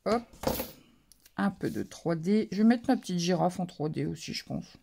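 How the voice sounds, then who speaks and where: Woman host for a craft tutorial. Very gravelly, husky voice. Slow, hesitant delivery that narrates each step. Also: lowish voice, expressive, dark tone. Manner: unhurried, narrates each step with frequent "hop" and hesitant fillers. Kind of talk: card-making tutorial narration.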